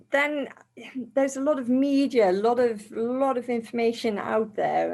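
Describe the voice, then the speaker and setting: A woman's voice: mid-range voice, creaky, a little mellow. A woman on a video call, chiming in with agreeable, thoughtful remarks. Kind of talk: casual panel chat.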